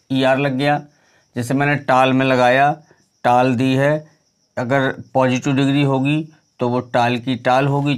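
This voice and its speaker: A middle-aged man teaching English grammar in a video lesson, who keeps asking the viewer questions and then answers them himself. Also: mid-range voice. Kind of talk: explanatory classroom lesson.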